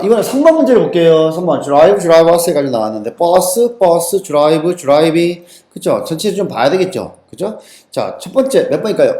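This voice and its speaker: Male tutor, animated pitch, quizzing and repeating answers, slightly high voice. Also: roomy sound. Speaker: TOEIC English teacher. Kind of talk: lecture-style exam lesson.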